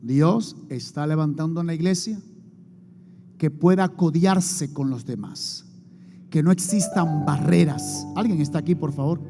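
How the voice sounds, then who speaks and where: High-voiced preaching man in a reverberant hall. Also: measured pace, vocal fry, mellow. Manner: emphatic preaching with call-and-response prompts to the congregation. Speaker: pastor. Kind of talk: sermon. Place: church hall before a congregation. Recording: long hall reverb, faint music behind.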